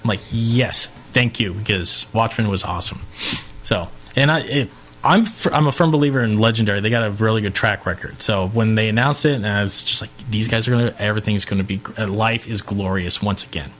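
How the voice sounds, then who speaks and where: A man co-hosting a podcast in casual chat, an excitable storyteller who acts out quotes. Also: fairly low pitch, fairly quick. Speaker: podcast co-host.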